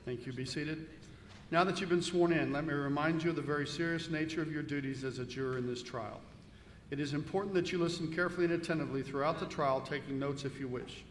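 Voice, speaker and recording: A man's voice: fairly high pitch, steady tone, fast talker. A man speaking as presiding judge, giving formal scripted instructions to a jury. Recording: echoey reverberant hall with faint noise.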